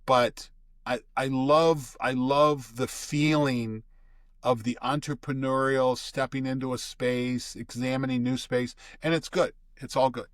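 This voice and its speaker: A man's voice: medium pitch, steady tone, a little slow, a bit bright, dry recording. An older man talks as a podcast guest in a mid-range voice, explaining at length like a seasoned storyteller. He often stops and restarts a phrase before going on. The recording is dry and close. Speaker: guest expert. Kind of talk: casual conversational explaining.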